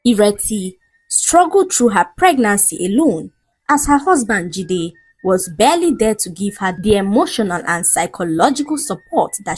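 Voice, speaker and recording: A woman storyteller narrates a scripted folktale dramatically, her intonation very lively and swooping. Her medium-pitched voice has a husky edge, and the recording is of low quality.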